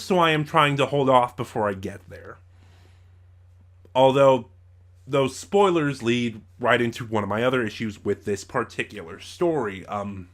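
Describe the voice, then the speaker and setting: A man hosts a channel's informal spoken review, opinionated and rambling, frequently stopping to correct himself. His voice is medium in pitch and a bit bright.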